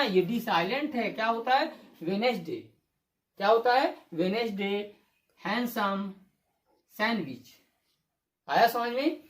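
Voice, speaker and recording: A patient teacher explaining step by step, repeating each rule and asking the listener questions before answering them. The voice sits at a medium pitch. It rings in an echoey, roomy space. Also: a bit bright. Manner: repeats rules and asks rhetorical questions to the viewer. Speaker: English teacher. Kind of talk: classroom-style video lesson. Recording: echoey room.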